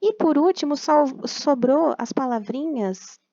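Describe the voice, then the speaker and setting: A young Brazilian woman teaching a primary class remotely, patiently explaining and slowly sounding out words. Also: high-pitched, animated, dark tone. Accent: Brazilian Portuguese. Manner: patient and explanatory, tags phrases with "tá?". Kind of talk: recorded remote class lesson. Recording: dull, dry computer recording.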